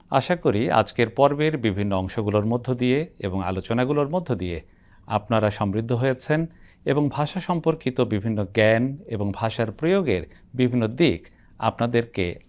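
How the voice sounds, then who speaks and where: Male tv host, formal and measured, wraps up a language show in polished standard speech. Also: mid-range voice, a little mellow. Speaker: program host. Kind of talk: formal broadcast hosting.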